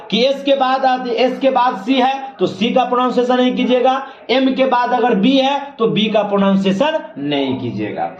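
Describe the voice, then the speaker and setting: A man teaching a classroom English lesson, repeating his own questions and spelling letters out slowly. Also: very high-pitched. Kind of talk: classroom lesson explaining pronunciation. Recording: echoey room, slightly dull sound.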